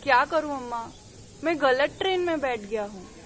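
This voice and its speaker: A woman's voice: high-pitched, lively intonation, normal speed, slight background noise. A woman voicing a distressed young man on a train, fretful and pleading as she tells a story in a sermon. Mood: anxious fretting.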